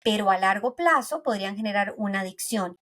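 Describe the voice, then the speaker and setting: A woman's voice: medium pitch, lively intonation, fairly quick, a bit bright. A woman from Costa Rica with a Costa Rican accent, a pediatric neuropsychologist guest explaining things conversationally and often adding "¿verdad?". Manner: tags sentences with "¿verdad?", explains with everyday anecdotes.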